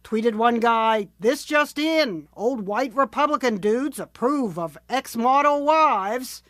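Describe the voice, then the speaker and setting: High-voiced wry news correspondent woman. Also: expressive, takes it slowly, a bit bright, no echo. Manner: wry, playful delivery. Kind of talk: scripted news report.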